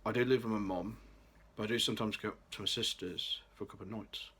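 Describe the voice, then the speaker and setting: He keeps a steady tone and a quick pace, his low, bright voice slightly rough. The speaker is a late-20s man from Birmingham, England, reading a scripted personal vlog carefully with occasional restarts.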